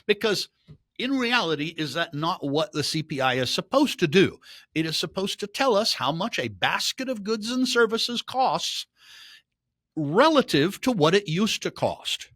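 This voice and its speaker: A man's voice: sits high, very animated, measured pace, a bit bright, no room sound, clean studio sound. A man hosting a podcast, giving opinionated market commentary in a sarcastic, emphatic way that rises to indignant outbursts. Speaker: podcast host.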